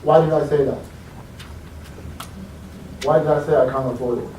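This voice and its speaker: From far off in an echoey hall, with a little hiss or hum, a UK motivational speaker delivers a live talk of stories and audience questions. His voice is medium-pitched and dark, with fairly even intonation and a moderate pace.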